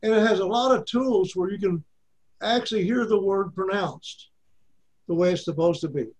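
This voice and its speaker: Older man, Arkansas accent, high voice, folksy Bible teacher, repeats himself for emphasis. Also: normal speed, slightly rough. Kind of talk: teaching an online Bible class.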